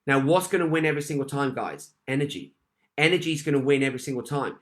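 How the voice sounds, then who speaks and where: A man delivers a motivational talk, sharing a personal story with emphatic repetition and frequently calling his listeners "guys." He speaks fast in a mid-range voice.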